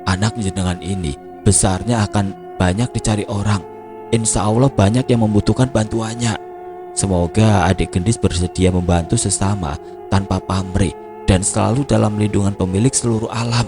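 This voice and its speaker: A man voicing a gentle, modest older becak driver with a Javanese accent, speaking softly. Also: on the low side, steady tone, moderate pace, close to an everyday voice. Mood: humble. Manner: soft-spoken, modest. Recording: music playing behind.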